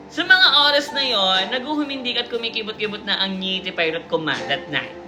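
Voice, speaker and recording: Woman host, reading a listener story aloud, playful teasing asides, mid-pitched voice, music playing behind. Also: lively intonation, brisk. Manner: playful, teasing asides and giggles between passages. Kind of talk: reading a submitted confession aloud with live commentary.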